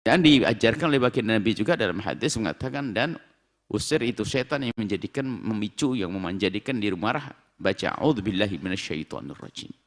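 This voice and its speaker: Guy giving a sermon, voice swings up and down, big hall echo. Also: fairly low pitch. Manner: lively, emphatic, with drawn-out phrases. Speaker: Islamic preacher. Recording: long hall reverb.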